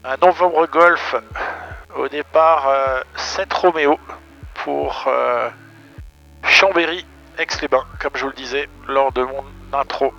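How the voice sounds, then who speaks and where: A man's voice: medium pitch, fairly even intonation, slow, vocal fry, bright, forceful tone. A man vlogging and making radio calls as a pilot, talking over a pilot headset. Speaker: pilot and vlog host. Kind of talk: aviation vlog commentary and radio calls. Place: small aircraft cockpit. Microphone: aviation headset. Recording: dull headset audio with music behind.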